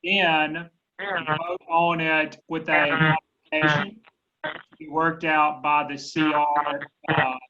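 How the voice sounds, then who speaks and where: A man's voice: on the high side, little pitch movement, slow, bright, forceful tone. A man chairing a conference call, talking hesitantly with many fillers over a crackly phone line that keeps breaking up.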